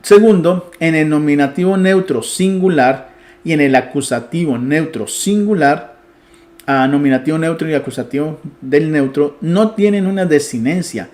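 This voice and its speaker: A man's voice: on the high side, a little mellow. A man giving an online Bible Greek grammar lesson, explaining step by step and checking in with his students. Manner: explains patiently, restarts and asks "¿sí?".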